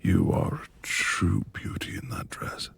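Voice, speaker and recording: In a romantic ASMR roleplay, a man plays a brooding, reclusive beast of a manor lord, gruff yet tender. His speech is gravelly and breathy, formal and old-fashioned, delivered unhurriedly and lightly acted in a tender, courteous mood.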